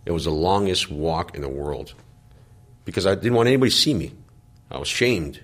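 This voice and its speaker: A middle-aged man, a former gang member, giving slow, heavy, confessional testimony in an interview. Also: sits low, animated. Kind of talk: reflective personal testimony.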